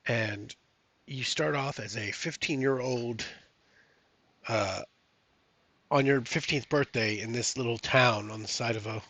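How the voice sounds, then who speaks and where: A man's voice: mid-range voice, unhurried, pauses often, bright, forceful tone, no echo. A man streaming a solo tabletop game, reading rules and chatting casually to viewers, thinking aloud with many fillers. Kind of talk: casual live-stream chat.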